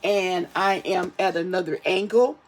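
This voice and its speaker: A tarot reader talking casually to camera while getting over an illness, halting and repetitive, often tagging phrases with a questioning check-in. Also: medium pitch, fairly even intonation. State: recovering from an ear infection. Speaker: tarot reader, channel host.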